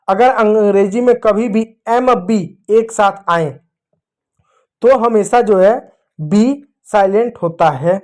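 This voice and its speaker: A male teacher giving an English lesson to children, slowly spelling out words letter by letter and repeating them. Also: high voice, darkish tone. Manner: slow, repetitive spelling-out of words.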